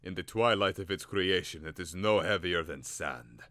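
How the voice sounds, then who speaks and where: A man's voice: low-pitched, moderate pace, pushed and bright, no room sound. A man doing a grave, declaiming old professor. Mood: solemn. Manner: solemn, declaiming.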